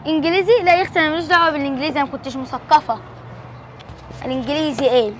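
A woman's voice: sits high, racing, slight background noise, close to an everyday voice. A young woman with an Egyptian accent playing a lazy, cheeky schoolgirl who brushes everything off. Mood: defiant. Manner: dismissive, offhand.

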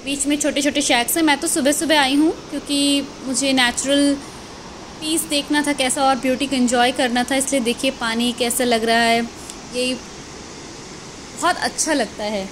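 Cheerfully showing viewers the sights, a woman vlogs as she hikes a mountain trail by a waterfall. She has a high, steady voice, and her outdoor phone recording picks up the noise of rushing water.

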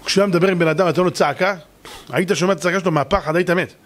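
High-voiced, dramatic man giving a Torah lesson. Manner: emphatic, dramatic, acts out characters. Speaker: rabbi.

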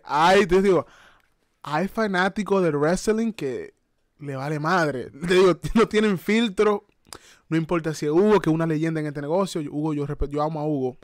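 A man reacting to clips on a live stream at home, excitable and laughing, repeating phrases over and over. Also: a little high, no room sound, clean studio sound.

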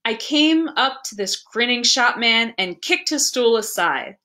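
A librarian narrates a story aloud in a bright, expressive, higher-pitched female voice, giving it a deliberate literary reading.

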